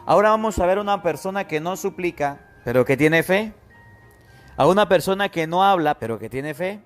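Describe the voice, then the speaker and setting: A man's voice: high voice, expressive, normal speed. A man, a priest giving an emphatic gospel homily who calls his listeners to attention and acts out the pleas he quotes. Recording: faint music behind.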